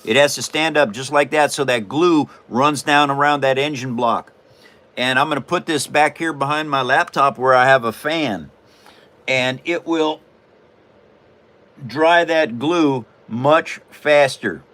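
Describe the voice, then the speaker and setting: Slow, bright-voiced folksy American man. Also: mid-range voice. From Washington State, USA. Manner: folksy and rambling, chuckles often. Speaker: paper model builder, livestream host. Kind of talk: casual livestream chat while building.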